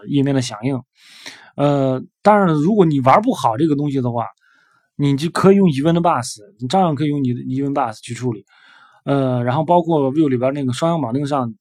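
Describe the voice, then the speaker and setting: A man's voice: mid-range voice, a little mellow, no echo, studio quality. A young man giving casual spoken advice as a developer, hesitant, with many fillers and repeated words.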